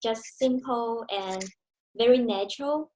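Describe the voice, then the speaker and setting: A woman's voice: fairly high pitch, measured pace, darkish tone, a little hiss or hum. A woman whose first language is Chinese, co-hosting a casual chat in simple, careful phrases.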